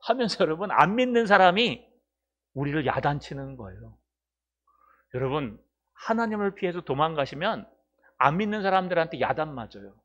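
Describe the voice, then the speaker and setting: A male pastor preaching a sermon in an animated way, addressing the congregation and acting out quoted voices. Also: a little high, moderate pace, pauses often, lo-fi sound.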